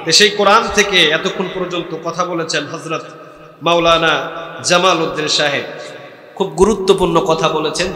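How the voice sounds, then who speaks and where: Fervent male preacher, bright, echoing hall. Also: a little high. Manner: fervent, calls out to the crowd for responses. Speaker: Islamic preacher. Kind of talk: Bengali waz sermon at an outdoor gathering. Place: large outdoor religious gathering. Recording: echoey PA sound with long reverb.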